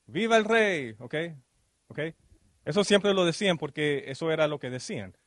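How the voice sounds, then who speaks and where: A man's voice: on the high side, animated, dry recording. A male minister preaching a sermon, who keeps checking in with the congregation and slips English fillers into his speech. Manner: peppers speech with quick "ok?" checks and questions to the congregation; mixes English fillers into Spanish. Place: church service.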